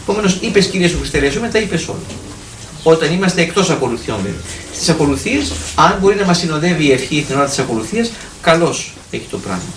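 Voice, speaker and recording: A fairly high-voiced priest talks through questions from his listeners in a relaxed, gently teasing manner, slowly repeating prayer phrases. He sounds distant from the microphone in an echoey room, with a faint hiss underneath. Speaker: Orthodox priest. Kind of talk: question-and-answer talk. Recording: echoey room, far from mic, faint noise.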